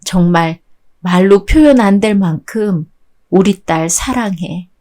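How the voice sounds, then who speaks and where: A gentle, grieving mother speaks soft and slow, as a woman reader puts her on. Her voice sits low and tender, like a radio drama storybook parent saying goodbye. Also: close to an everyday voice. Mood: tender, sorrowful.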